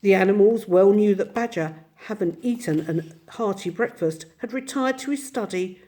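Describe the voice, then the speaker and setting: Mellow-voiced woman reading a storybook. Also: mid-range voice, normal speed. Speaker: narrator.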